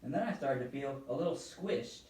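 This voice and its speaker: A man voicing an excitable, self-important childlike bird puppet in a children's skit. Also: medium pitch, brisk, slight background noise, natural voice. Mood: earnest storytelling. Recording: echoey room, distant mic.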